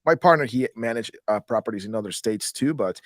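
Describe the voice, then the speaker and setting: A man's voice: mid-range voice, expressive, a little fast, no room sound, studio quality. A man in his thirties from Guatemala, a real estate investor, talking casually as an interview guest and often restarting words. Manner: rambling, repeats words when restarting.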